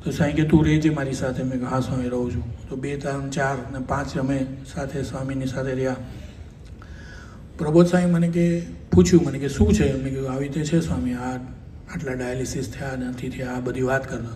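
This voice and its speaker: A man's voice: medium pitch, little pitch movement, brisk, mellow, recorded from a distance. A man with a Gujarati accent, a doctor giving a devotional talk at a Sunday assembly, telling a memory in a conversational way and quoting others. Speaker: doctor recounting a spiritual memory. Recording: echoey hall, voice from afar, faint hum.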